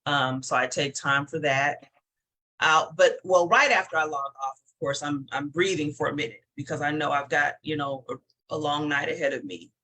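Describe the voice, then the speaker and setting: A woman guest in a casual interview, upbeat and lively, laughing often as she talks about her busy days. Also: low voice, moderate pace, poor audio.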